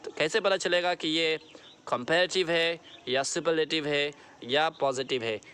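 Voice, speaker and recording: A man with an Indian English accent explaining a grammar lesson, repeating words slowly and checking that his students understand. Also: on the high side, fairly even intonation, a bit bright. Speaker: English teacher.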